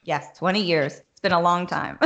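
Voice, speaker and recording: Middle-aged lady guest on a podcast, lowish voice, chatty and listy. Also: fairly bright tone. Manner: chatty, listing items in rapid runs. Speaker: guest expert. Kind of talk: podcast interview.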